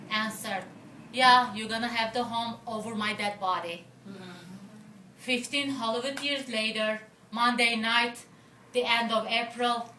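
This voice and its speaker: A woman poet giving a slow, deliberate poetry reading in a bar. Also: fairly high pitch, bright, forceful tone. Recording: roomy, distant mic with noise.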